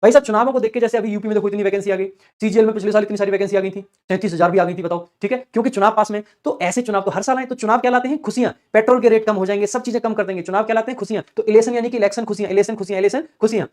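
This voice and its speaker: Guy teaching vocab tricks, rattles off words quick, chants them over and over. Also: sits high, steady tone, darkish tone. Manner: fast, chatty, repeats key words in chanting rhythm. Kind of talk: exam-prep vocabulary lesson with memory tricks.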